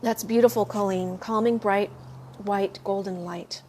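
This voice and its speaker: A woman hosting a live spiritual chat, answering viewer comments with warm, gushing thanks and repeating herself often. Her voice sits at a middle pitch for a woman. A faint hiss runs under the recording. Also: fairly even intonation, measured pace. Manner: reads viewer comments aloud and answers them. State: clearing her throat now and then. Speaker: spiritual livestream host. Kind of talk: live chat after a meditation.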